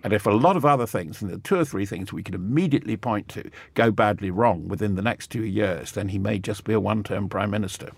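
A man's voice: fairly low pitch, quick pace, vocal fry, hardly any pauses, husky, dry recording. An older man, a guest commentator, rambling through political talk with chuckles.

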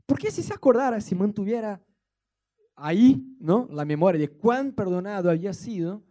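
A man's voice: high-pitched, lively intonation, normal speed, warm tone. A man with an Argentine accent preaching a sermon in a playful, colloquial way, mixing jokes into his teaching. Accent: Argentine Spanish.

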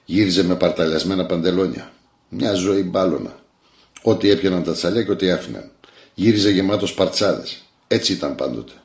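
A man's voice: deep voice, creaky, a little mellow, echoey room. A man voicing a long-suffering old grandmother who talks with weary resignation about her husband. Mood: resigned.

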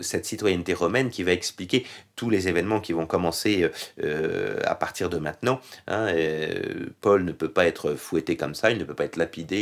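A man giving a Bible study lesson, talking loosely with many pauses, fillers and restarts. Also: low voice. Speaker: Bible teacher.

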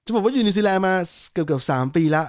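A man hosts a casual interview, chatting and asking follow-up questions. He talks fast in a somewhat high voice, recorded dry and close. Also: expressive, no echo. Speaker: co-host.

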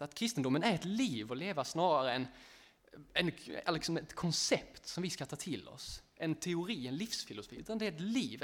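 A male preacher with a somewhat high voice, delivering a relaxed, conversational sermon. He talks straight to his listeners, laughs easily and pokes fun at himself. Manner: chatty, laughs often, self-deprecating; speaks directly to listeners. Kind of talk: casual sermon.

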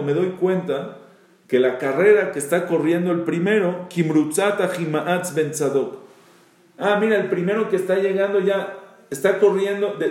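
A rabbi with a high voice and a darkish tone teaches a Bible story in a very echoey space. He reads verses in Hebrew, explains them in Spanish, and repeats phrases to stress them.

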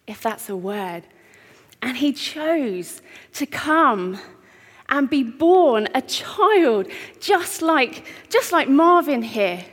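Woman, preacher, sermon, big hall echo, projected voice, slightly high. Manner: projects her voice, warm storytelling. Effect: big hall echo on her mic. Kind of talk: sermon with a handheld prop. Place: church hall with a congregation. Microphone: wearing a mic on the PA. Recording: echoey hall reverb.

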